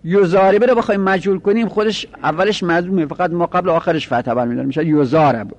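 Male teacher with a slightly high voice, methodical and repetitive. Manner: methodical, repeats each rule. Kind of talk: lecturing on Arabic grammar.

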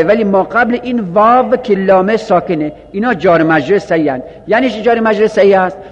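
High-voiced man teaching in a reverberant room. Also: highs cut off. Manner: explains step by step with rhetorical questions and recited examples. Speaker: teacher of Arabic grammar. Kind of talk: explanatory grammar lesson in Persian.

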